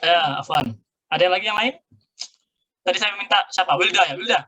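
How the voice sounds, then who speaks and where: A man's voice: sits high, fairly quick, sharp tone, slightly rough, poor audio. A middle-aged male university lecturer explaining a grammar lesson, switching between Indonesian and English.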